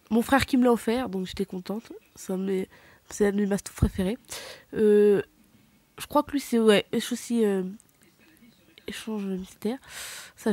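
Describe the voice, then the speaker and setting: A woman chats casually to her viewers about her game collection, stumbling over names and correcting herself often. Her pitch sits in a middle range. The recording is dry, with no room sound. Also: mellow, no echo. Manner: rambling, hesitant, many fillers and self-corrections. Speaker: gaming vlogger.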